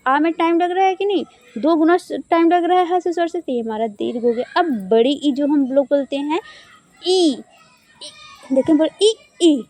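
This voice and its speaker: A woman with a high, dark-toned voice teaches an exam-prep grammar lesson, recorded with no echo. She poses questions and answers them herself, drawing out sounds to demonstrate them.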